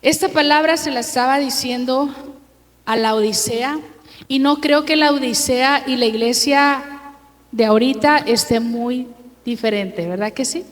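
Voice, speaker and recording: A woman pastor preaching a sermon in a church, emphatic and drawing out her words as she quizzes the congregation with repeated questions. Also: high voice. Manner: slow, drawn-out reading of scripture verses. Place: church sanctuary. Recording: long hall reverb.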